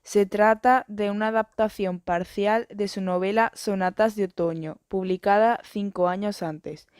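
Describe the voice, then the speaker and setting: A woman reading an educational biography and book summaries in a steady, even narration. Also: mid-range voice, a little slow, clean tone, dry recording, clean studio sound.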